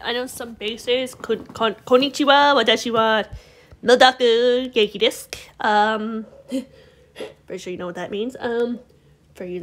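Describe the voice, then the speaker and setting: A woman chats her way through a gameplay video in a high, bright, forceful voice. She rambles and cuts herself off mid-thought. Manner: rambling, chatty, self-interrupting. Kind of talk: casual gameplay commentary.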